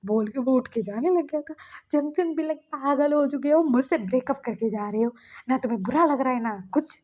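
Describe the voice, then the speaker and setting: A woman's voice: high-pitched, fairly quick, a little mellow. A woman narrating a fan story in a casual, chatty way, full of filler words.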